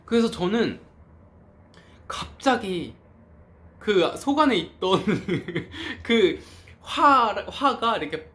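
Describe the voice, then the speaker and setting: A man telling a travel story to camera in a casual, lively way, acting out the lines of the people in it. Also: sits high, slow, pauses often. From Korea. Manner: animated, acts out quoted lines. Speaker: travel vlogger.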